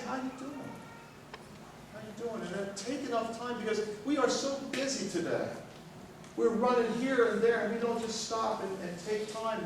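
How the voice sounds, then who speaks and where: A man's voice: high voice, background noise. An older man preaching a sermon as a pastor, telling stories in a folksy way with light humor. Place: church sanctuary. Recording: very echoey hall recorded from far off.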